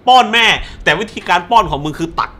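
A young man co-hosting a casual film review, talking crudely and excitedly, often laughing. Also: sits high, quick pace. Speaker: movie review co-host. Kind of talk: casual profane film chat.

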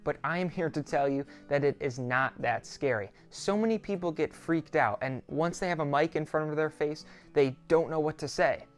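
A sixteen-year-old student pilot hosting his YouTube channel talks to camera from a small, quiet home office, explaining things in a reassuring, conversational way. His voice is a little high, his pace normal, and he rarely pauses.

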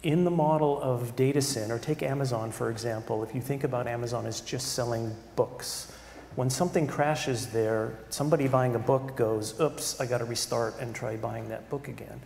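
A man's voice: mid-range voice, fairly even intonation, moderate pace, gravelly, darkish tone. A middle-aged man speaking on a conference panel, conversational and emphatic, often tagging points with "right?". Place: large conference hall stage. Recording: echoey hall with faint room noise.

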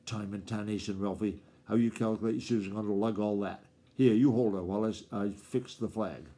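A man reading a storybook aloud, voicing an excitable old farmer grandfather who talks in a rustic old-time country dialect and snaps and scolds. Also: lowish voice, fairly quick, slightly rough. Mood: hushed. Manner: snappish, scolding.

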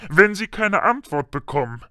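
A man's voice: high voice, sing-song, moderate pace, sharp tone, no echo, clean studio sound, pitched above the performer's own voice, full character voice. A man voicing a blustering, panicky middle-aged uncle who barks and stammers, in an audiobook. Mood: uneasy. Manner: barking, stammering when rattled. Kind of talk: audiobook character voice.

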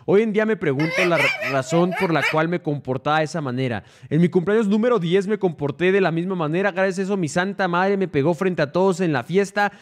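A young man with a Mexican accent hosts a loose livestream and reads viewer stories aloud. His voice sits high and his talk is packed with slang and casual swearing. He laughs often between lines. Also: a little fast, few pauses. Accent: Mexican Spanish. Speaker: streamer.

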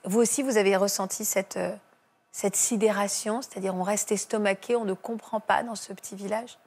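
A woman hosting a TV talk show, gently asking guests probing questions in the studio. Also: mid-range voice, steady tone, moderate pace, slightly rough.

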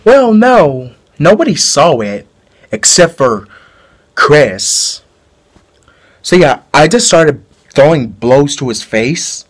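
A man playing a male killer who confesses a brutal fight in a halting, rambling way, in an amateur home-video drama. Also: fairly high pitch, sing-song, full character voice. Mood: flat confessing. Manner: halting, rambling storytelling with restarts.

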